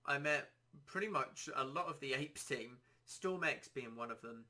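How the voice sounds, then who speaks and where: A man hosting a casual solo podcast, rambling and self-deprecating, his throat a little dry and hoarse. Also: mid-range voice, expressive, moderate pace, pushed and bright. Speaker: podcast host.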